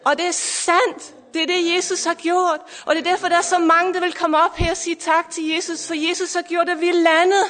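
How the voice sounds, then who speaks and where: A woman's voice: very high-pitched, little pitch movement, hardly any pauses, a bit bright. A middle-aged woman preacher giving a fervent, emotional sermon and testimony, repeating hallelujah, her voice at times breaking with tears. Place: church or camp meeting hall. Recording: long hall reverb.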